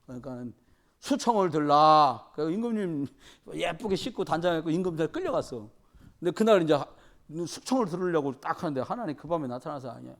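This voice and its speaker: A man preaching a sermon, retelling Bible stories and slipping into the voices of their characters. His voice sits high for a man. It swings widely in pitch as he tells each story. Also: fast. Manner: animated storytelling, acting out Bible characters in dialogue. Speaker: pastor.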